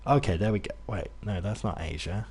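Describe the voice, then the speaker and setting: With a lowish, slightly mellow voice, this young man talks fairly quickly against slight background noise. A streamer from near Birmingham with a loosely mixed British accent that isn't Brummie, he rambles through casual gameplay chat, full of fillers and restarts.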